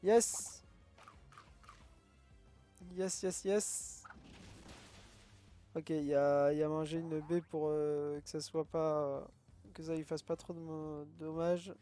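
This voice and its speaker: A man's voice: a little high, flat delivery, moderate pace, warm tone, clean tone, soft background music. A man doing casual let's play commentary, thinking aloud, often laughing. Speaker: gaming youtuber.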